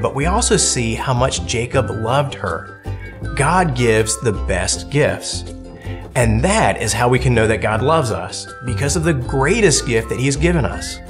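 A male pastor answering children's questions in a friendly, explaining way. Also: mid-range voice. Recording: music bed underneath.

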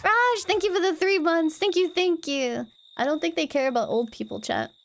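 A woman's voice: extremely high pitch, moderate pace, soft background music. A woman livestreamer chatting casually and animatedly while playing a game, often giggly and sweary. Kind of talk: casual gaming livestream chat.

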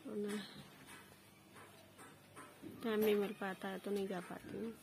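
A woman's voice: medium pitch, little pitch movement, unhurried, vocal fry, a little mellow, slight background noise. A woman talking casually to her viewers at home in a family vlog. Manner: chatty, talks to viewers and her child. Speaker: vlogger.

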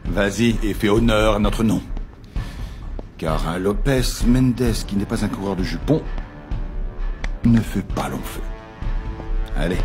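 A man's voice: on the low side, unhurried, long pauses, music in the background, natural voice. An actor dubbing a proud, boastful father in a French-dubbed telenovela. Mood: jovial. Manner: boastful, jovial. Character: proud boastful father, middle-aged man.

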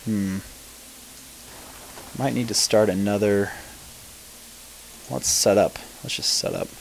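A man's voice: lowish voice, fairly even intonation, takes it slowly, creaky, slight background noise, low-quality recording. A man giving casual gameplay commentary, thinking aloud, mumbling and swearing now and then. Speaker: let's play gamer.

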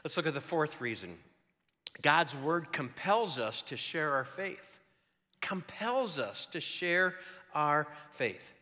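Older pastor preaching in a big reverberant hall. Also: male voice, on the high side, slow. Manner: animated storytelling with joking asides. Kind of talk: sermon. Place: church sanctuary. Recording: long reverb of a large hall.

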